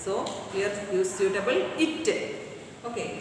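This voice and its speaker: A woman teaching an English grammar class with a Malayali accent, reading English slowly and explaining quickly in Malayalam. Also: medium pitch, expressive, background noise. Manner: slow deliberate English, rapid Malayalam explanations. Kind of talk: recorded online class lesson. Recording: echoey room, distant mic.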